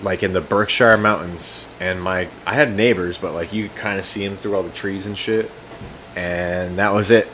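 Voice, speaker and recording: A man's voice: sits low, steady tone, moderate pace, sharp tone, slight background noise. A young man telling crude, joking anecdotes in casual chat over drinks. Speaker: guest.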